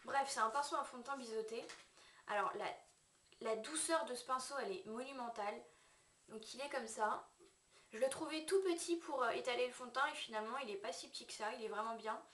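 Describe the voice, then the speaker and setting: A woman giving a casual makeup brush review to her viewers, chatty and hesitant, often pausing and correcting herself. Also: on the high side, fairly bright tone, a little hiss or hum. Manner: chatty, hesitant, with frequent fillers and self-corrections. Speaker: beauty vlogger. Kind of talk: casual product review to camera. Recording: echoey room, mic set at a distance.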